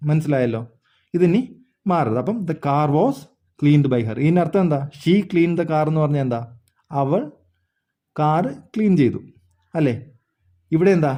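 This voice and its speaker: A man's voice: a little high, dark tone. A man teaching an English grammar lesson, explaining step by step, repeating words and often checking whether the listeners understood.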